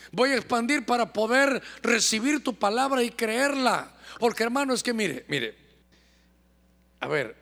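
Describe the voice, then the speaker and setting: Honduran apostle, high gravelly voice, fervent sermon in a church hall with long reverb. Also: male voice, a bit bright. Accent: Honduran Spanish. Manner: fervent, keeps addressing "hermano". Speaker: apostle preaching. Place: church service.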